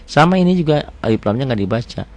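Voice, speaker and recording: A man teaching tajwid in a chatty, self-assured way, breaking into slow melodic Quran recitation. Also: mid-range voice, expressive, darkish tone.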